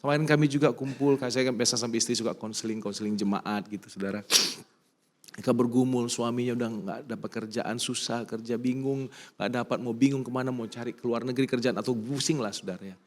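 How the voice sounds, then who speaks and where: A middle-aged man with an Indonesian accent, a pastor preaching a sermon, animated and emphatic at times and soft and personal when telling his own stories, mixing in English phrases. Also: mid-range voice, fast. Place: church sanctuary.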